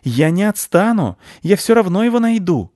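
A man's voice: medium pitch, lively intonation, moderate pace, a little mellow, dry recording, studio quality, voice pushed up, lightly acted. A man voicing a greedy, hysterical female squirrel who shrieks and rants in a storybook reading. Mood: shrieking. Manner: shrieking, frantic, paranoid.

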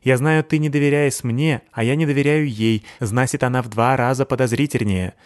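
A man doing a shrill lisping woman warrior. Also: fairly even intonation, fairly quick, close to an everyday voice. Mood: earnest. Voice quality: lisps, swaps sounds. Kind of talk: audiobook character voicing.

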